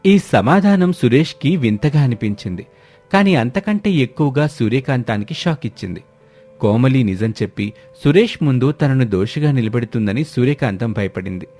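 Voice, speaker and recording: A man narrating a family story in a steady, expressive storytelling manner. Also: mid-range voice, moderate pace, soft background music.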